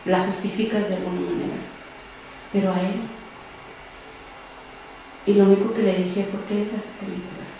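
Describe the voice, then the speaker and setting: A young adult woman, a podcast guest telling her own story in an interview, speaking softly and often trailing off quietly. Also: medium pitch, little pitch movement, moderate pace, long pauses, slight background noise. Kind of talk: personal testimony in an interview. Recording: very echoey room.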